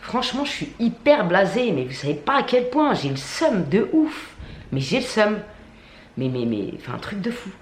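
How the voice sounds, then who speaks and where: A woman's voice: mid-range voice, big pitch swings, moderate pace, slight background noise. A woman vlogger telling a storytime rant to camera, indignant, slangy and full of swearing. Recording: echoey room.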